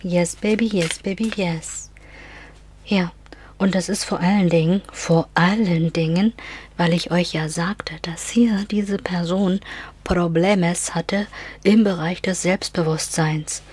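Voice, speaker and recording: Slow, breathy woman doing a spiritual reading. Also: lowish voice, steady tone, a little mellow. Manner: often drops into a whisper; repeats words, switches into English phrases. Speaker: astrology and card reader. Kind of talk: casual spiritual reading for an online audience.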